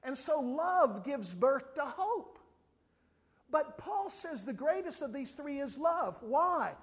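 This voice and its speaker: An evangelist's sermon comes in a man's very high, slow voice; he is not from South Africa. He spins a humorous tale in lively fashion, briefly imitating the characters' voices.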